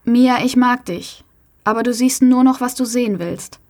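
A woman reading the part of a blunt young man in an audiobook, speaking firmly and insistently. The voice stays close to the reader's own, only a little lower and softer. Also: moderate pace, close to an everyday voice.

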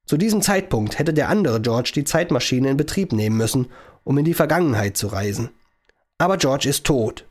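A man voicing an irritable male professor who invented a time machine, talking in a sharp, lecturing, commanding way. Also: medium pitch, lively intonation, a little fast, close to an everyday voice.

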